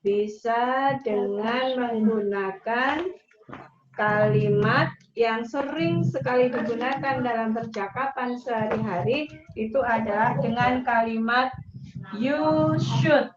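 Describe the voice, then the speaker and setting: A woman's voice: fairly high pitch, takes it slowly, crowd noise. Woman teacher, online lesson, drills pronunciation patiently, echoey and muffled. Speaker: English teacher. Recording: echoey, dull, noisy online recording.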